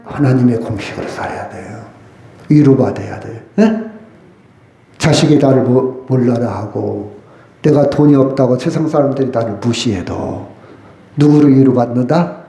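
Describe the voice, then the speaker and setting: A man's voice: medium pitch, moderate pace, creaky, dark tone, echoey room. A man preaching a sermon as pastor, emphatic and asking the congregation questions. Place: church sanctuary.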